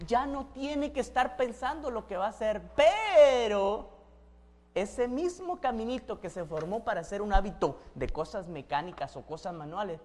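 A woman's voice: medium pitch, lively intonation, moderate pace, darkish tone. A woman preaching a sermon, asking the audience questions and acting out everyday scenes with sound effects.

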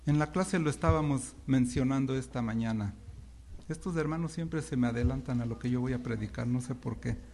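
A man's voice: medium pitch, fairly quick, gravelly, a little mellow. Man preaching with call-and-response. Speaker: pastor. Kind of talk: sermon. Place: church. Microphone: microphone.

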